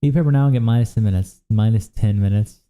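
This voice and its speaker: A worn-out male livestream host with a dark, low, smooth voice reads viewer comments in a casual chat. He's profane and laid-back, tossing off quick asides in reaction to chat.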